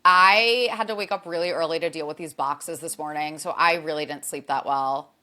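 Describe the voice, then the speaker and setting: A woman's voice: low-pitched, normal speed, pushed and bright. A woman co-hosting a podcast, chatting casually and informally with plenty of slang. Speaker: podcast co-host. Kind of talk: casual chat.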